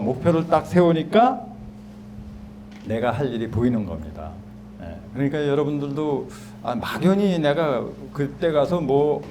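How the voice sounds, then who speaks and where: A man in his sixties giving a public lecture in a small hall, chatting and asking the audience questions. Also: mid-range voice. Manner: conversational, asks the audience questions. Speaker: guest lecturer. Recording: lecture hall with background noise.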